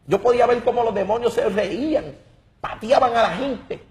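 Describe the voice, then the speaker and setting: A man's voice: very high voice, normal speed, darkish tone. A man giving an impassioned religious testimony, emphatic and dramatic, often repeating words as he searches for them.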